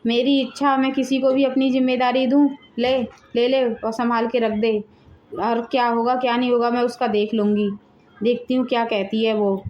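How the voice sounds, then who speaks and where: A woman voicing a firm, bossy mother-in-law who runs the household, in an animated family drama. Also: a little high, moderate pace, muffled recording, lightly acted. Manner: firm, commanding.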